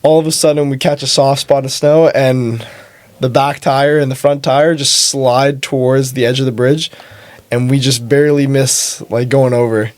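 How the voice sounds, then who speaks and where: Young man, podcast guest, plain steady storytelling, mid pitch, dry sound. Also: normal speed, no room sound. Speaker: guest, host's son. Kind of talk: recounting a story.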